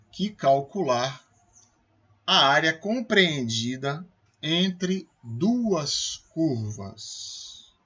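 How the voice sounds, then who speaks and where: A man's voice: mid-range voice, fairly bright tone, husky, lo-fi sound. A man with a Brazilian Portuguese accent, a math professor giving a recorded calculus lecture, explaining step by step and checking with his students as he goes.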